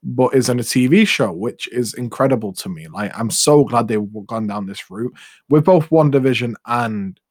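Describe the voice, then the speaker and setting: A young man co-hosting a casual podcast who speaks in an earnest, direct way and often addresses the listeners. His voice is recorded dry, with no room echo at all. His pitch sits in an ordinary middle range. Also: expressive, normal speed. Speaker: podcast co-host.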